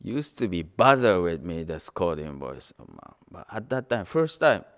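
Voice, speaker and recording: Slow-paced Japanese minister man. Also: low voice, big pitch swings, clear, resonant tone. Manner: mixes Japanese and English, anecdotal. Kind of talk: sermon storytelling.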